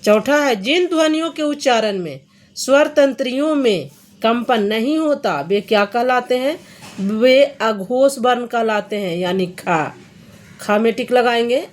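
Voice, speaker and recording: A woman teacher going through Hindi grammar questions for students, reading each question and then patiently explaining the answer. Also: on the high side.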